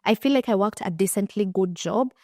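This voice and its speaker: A young Kenyan woman with a Kenyan accent, a podcast host and finance coach, runs a casual interview and tells animated stories full of restarts. Her pitch is medium and her delivery brisk. The studio-quality recording has no echo.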